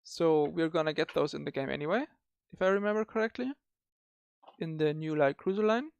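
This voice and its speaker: A man's voice: on the high side, fairly quick, gravelly, smooth, no room sound. A man hosting a casual gaming discussion, often breaking off and restarting his words. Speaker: podcast host.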